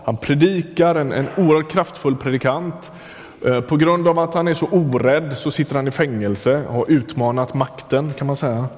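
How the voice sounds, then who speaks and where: A man preaching with a fairly high voice, talking to the listener as if in conversation and often starting phrases over. His voice rings out with a long reverb, as in a church hall. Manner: conversational, addresses listener directly, frequent restarts. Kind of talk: sermon.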